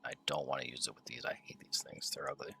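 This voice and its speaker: A young man talks to himself while he builds in a game, mumbling and wandering from thought to thought. His voice sits very low with a gravelly fry, yet it has a bright, sharp edge. Faint hiss and mouse clicks run underneath. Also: level tone, fast talker. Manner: mumbling, rambling, thinking aloud while playing. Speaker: streamer. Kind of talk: relaxed gameplay chat.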